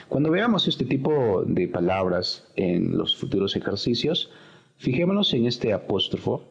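A man teaching English, patiently explaining a workbook exercise step by step. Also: fairly low pitch. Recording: echoey, dull-sounding recording.

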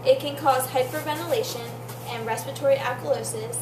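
A woman's voice: sits high, fairly quick, over music. A young woman giving a scripted instructional explanation. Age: young adult. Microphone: far camera microphone. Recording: distant mic, echoey room, clear noise.

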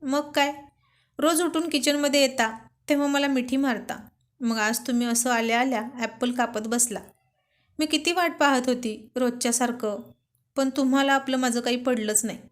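A woman's voice: high-pitched, moderate pace, lightly acted. A woman voicing a stubborn, pouting young wife who sulks and demands attention in a storybook reading.

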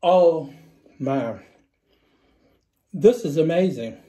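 A man's voice: fairly high pitch, expressive, drawn-out words, warm tone. A middle-aged man hosting a cooking demonstration in a home kitchen, explaining each step and repeating the key points. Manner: instructive, repeats key steps, savoring exclamations. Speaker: cooking show host. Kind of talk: recipe demonstration. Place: home kitchen, indoors, small.

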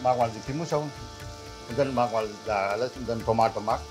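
A man cooks in a big professional kitchen. He answers in brief, simple phrases and agrees often, and his pitch sits mid-range for a man. Background music and a sizzling pan run under his voice. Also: quick pace. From Sri Lanka. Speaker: chef, sauce cook. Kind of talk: casual cooking chat. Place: large professional kitchen indoors.

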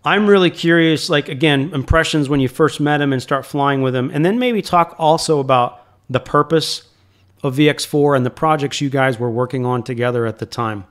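A man's voice: a little high, normal speed. A man in his fifties with an American accent, hosting a casual interview into a close microphone in a home office. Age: 50s. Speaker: interviewer, host. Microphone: close boom microphone.

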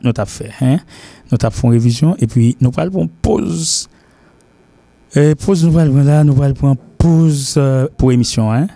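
A middle-aged man with a Haitian accent talks through a televised English lesson. He wanders and circles back on his points, slipping between languages. His voice is warm and mellow, recorded dry with almost no room sound. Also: mid-range voice, no room sound. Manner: rambling, repeats himself, mixes languages. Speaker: English teacher and show host. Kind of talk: TV lesson talk.

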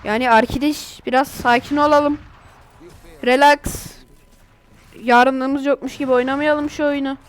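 A woman talks over her gameplay in a high, bright-toned voice. She chats casually and gets excitable, often breaking into exasperated outbursts. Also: measured pace. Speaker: gaming YouTuber.

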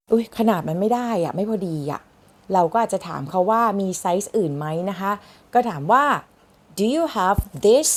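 A young woman English teacher talks her students through useful shopping phrases. She speaks slowly and patiently, explaining in Thai, then sounding each English phrase out word by word so learners can copy it. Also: mid-range voice, darkish tone. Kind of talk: lesson.

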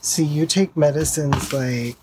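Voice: mid-range voice, unhurried, noisy background. A vlogger giving a casual video update from home, chatting loosely and showing items to the camera. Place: home, indoors.

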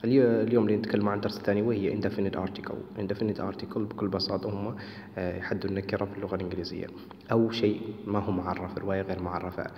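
A man with a Hassaniya Arabic accent gives an online English lesson in a fairly low voice. He explains patiently with many hesitations and reads his English examples out carefully. The sound is roomy, with a long echo trailing behind his words. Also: flat delivery, highs cut off. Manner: explains slowly with many fillers, reading English examples deliberately. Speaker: English teacher. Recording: echoey room with long reverb.

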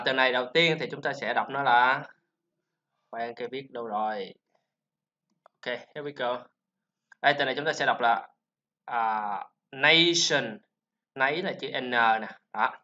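A man with a Vietnamese accent teaching English pronunciation, drilling sounds and syllables slowly with chatty asides. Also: mid-range voice, sharp tone. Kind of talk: informal pronunciation lesson. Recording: slightly dull lo-fi sound.

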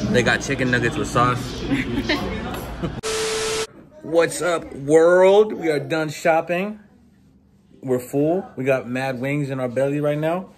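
A man's voice: a little high, takes it slowly, pauses often, a crowd in the background. A man chatting casually in an easygoing, storytelling way for his vlog. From Texas, US. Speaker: barber and vlogger. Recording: loud background noise, traffic.

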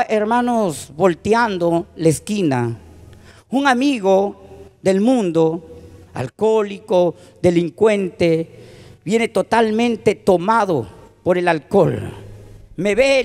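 High-voiced Peruvian preacher telling a testimony. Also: male voice, animated, slow. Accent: Peruvian Spanish. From Peru. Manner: emotional, dramatic storytelling, addressing the congregation often. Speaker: presbyter preacher. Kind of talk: testimony sermon.

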